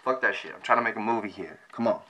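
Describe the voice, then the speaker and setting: A man's voice: lowish voice, fast talker, bright, forceful tone, slight background noise. A young man hosting a casual video, talking in a loose, profane, rambling way. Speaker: video host. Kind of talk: casual party vlog talk.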